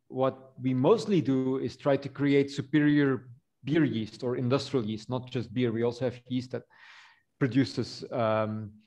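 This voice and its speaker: A middle-aged man from Belgium giving an online conference talk over a video call, relaxed and rambling with many fillers. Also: mid-range voice. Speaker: university yeast researcher presenting.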